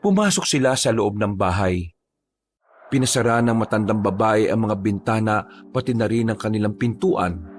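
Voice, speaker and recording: A male storyteller narrating a horror tale in a steady, measured way. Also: lowish voice, a little hiss or hum.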